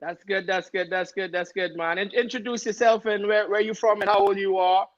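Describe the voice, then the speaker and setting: A man hosting a casual podcast chat, excitable and repeating himself with loud exclamations. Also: high voice, fairly quick, dry recording, lo-fi sound. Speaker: host.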